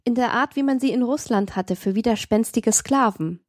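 A woman's voice: a little high, normal speed, no room sound, studio quality, lightly acted. Woman reading as an imperious young lady. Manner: sharp, imperious speech. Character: proud young woman, commanding and teasing. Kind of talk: audiobook reading.

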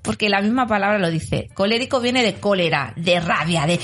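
A woman's voice: mid-range voice, a little fast. A woman in her thirties with a Spanish accent from Spain, co-hosting a casual podcast chat and acting out children's whines and noises as she explains. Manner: animated, acts out children's whines and sound effects. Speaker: podcast co-host and teacher.

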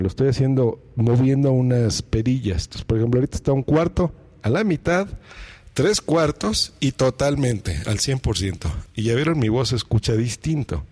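A man's voice: mid-range voice, mellow. Man, casual tutorial, studio mic through a mixing desk. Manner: explains step by step, addresses viewers directly. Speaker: podcaster teaching audio gear. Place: home recording setup at a mixing desk. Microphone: studio microphone through a mixing desk.

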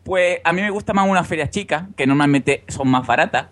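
A man's voice: fairly high pitch, fairly bright tone. Rambling man from Seville on a call. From Seville, Spain. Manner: rambling, halting, dramatic in quotes. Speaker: podcast co-host. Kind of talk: casual podcast chat. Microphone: video call.

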